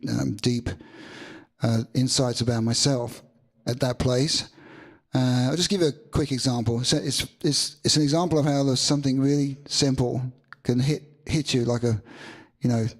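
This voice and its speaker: A man, a musician guest, answering at length in a halting, reflective way with many restarts, in a studio session before a live audience. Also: medium pitch. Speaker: musician guest being interviewed.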